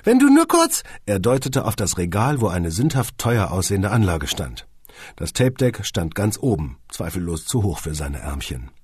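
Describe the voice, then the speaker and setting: A man's voice: low-pitched, animated, normal speed, a little mellow, husky, no room sound. A man reading an audiobook in a wry, dryly humorous way, sometimes speaking straight to the listener. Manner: wry, dry humour, speaks to the listener directly. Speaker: audiobook narrator. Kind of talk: scripted audiobook narration.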